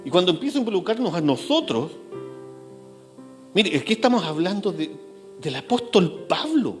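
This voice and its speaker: A pastor delivers a sermon in a fairly high, animated voice that rises and falls widely. He repeats key phrases and slows down, sinking low for emphasis. Faint instrumental music plays beneath him. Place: church.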